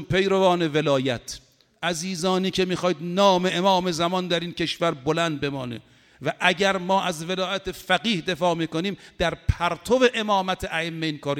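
A man's voice: fairly high pitch, long reverb tail. A man preaching a religious sermon, impassioned and building to emphatic peaks. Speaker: cleric preacher.

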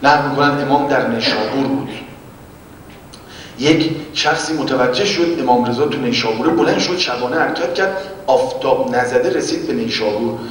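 A man preaching and retelling a religious story, swinging from loud exclamations to hushed whispers. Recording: echoey hall, distant mic, faint rumble.

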